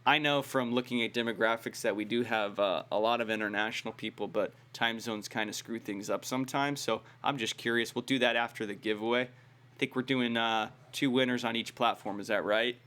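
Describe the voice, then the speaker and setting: A laid-back American man co-hosts a gaming stream, rambling casually and chatting with viewers. His voice is bright and forward, sitting at a middle pitch. He sounds like he is talking into a headset on a stream call. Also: fairly even intonation, fairly quick. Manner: laid-back, rambling, says "like" and "dude" a lot. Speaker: esports stream co-host. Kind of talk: casual livestream chat.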